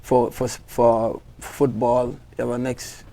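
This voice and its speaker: A man's voice: mid-range voice, little pitch movement, takes it slowly, gravelly, warm tone. A man with a Jamaican accent, a football coach guest on a radio sports show, who explains step by step and repeats words as he thinks. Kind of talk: radio interview.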